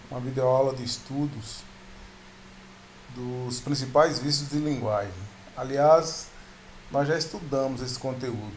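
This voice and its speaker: A man's voice: medium pitch, slight background noise. Man teaching a grammar lesson. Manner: explanatory, repeats and restarts words, addresses viewers as "pessoal".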